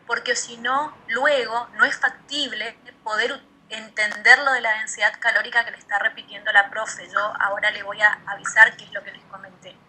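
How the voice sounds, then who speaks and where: A woman's voice: on the high side, fairly even intonation, moderate pace, hardly any pauses, bright, forceful tone, husky, rough recording. A woman teaching a nutrition class online, explaining in a methodical way and repeating key terms.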